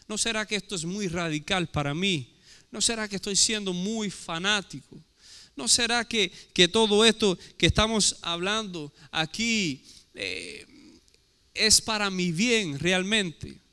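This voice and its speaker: A pastor with Portuguese-tinged Spanish preaches a sermon, emphatic and full of rhetorical questions. His high-pitched voice is bright, forceful, clear and resonant, with echoey hall reverb around it.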